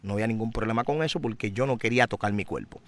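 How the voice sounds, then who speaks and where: A man giving a personal testimony in an interview, a vivid, dramatic storyteller who grows louder and more intense. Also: lowish voice, very fast.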